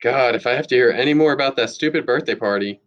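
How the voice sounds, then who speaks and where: A man's voice: medium pitch, fast, lightly acted. A man reading aloud, voicing a sarcastic, blunt boy classmate in a storybook, on a dull lo-fi recording.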